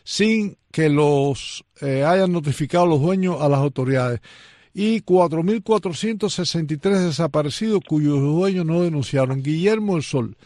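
A man hosting a news program, speaking in a measured way with frequent pauses. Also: on the high side, warm tone, no echo, studio quality. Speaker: news show host. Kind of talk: radio news interview.

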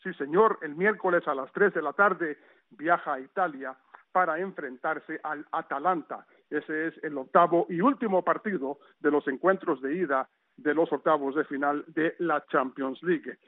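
A man's voice: fairly high pitch, moderate pace, dry recording. A man reading a radio sports news roundup in a conversational way, with chatty asides. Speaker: sports reporter. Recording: tinny phone-line sound.

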